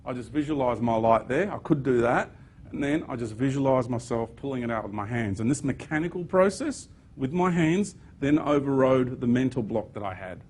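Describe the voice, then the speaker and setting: A man's voice: mid-range voice, slight background noise. A man giving an earnest spiritual talk to an audience, with sudden emphatic bursts. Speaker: speaker.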